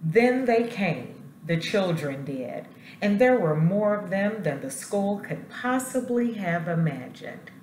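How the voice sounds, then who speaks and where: A woman principal with a medium-pitched voice reads a children's picture book aloud, telling the story expressively and deliberately while making asides to her students. The room echoes, and there is faint background noise.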